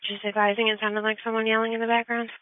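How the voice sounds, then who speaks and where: Woman dispatcher, talks quickly in a level, clipped way, transmitted over a thin walkie-talkie line. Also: a little high, flat delivery, no room sound. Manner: clipped, businesslike radio talk. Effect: over a two-way police radio. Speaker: police dispatcher. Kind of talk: radio dispatch codes. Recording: tinny narrow-band radio transmission.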